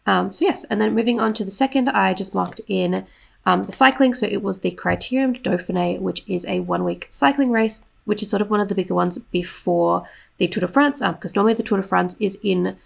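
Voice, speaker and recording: Congested and sniffling, a young woman who vlogs about planners rambles chattily through a casual voiceover. Her voice is medium-pitched and gravelly, and she talks fairly quickly.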